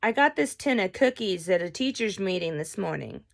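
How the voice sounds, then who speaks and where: A woman doing a laid-back hushed teacher. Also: mid-range voice, expressive, normal speed, vocal fry. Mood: conspiratorial. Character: relaxed female teacher sharing cookies.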